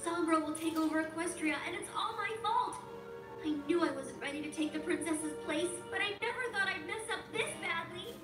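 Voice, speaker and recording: A woman's voice: extremely high pitch, brisk. A woman voicing an anxious young pony princess heroine in a cartoon, earnest and emphatic. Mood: anxious guilt. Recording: echoey distant playback under loud music.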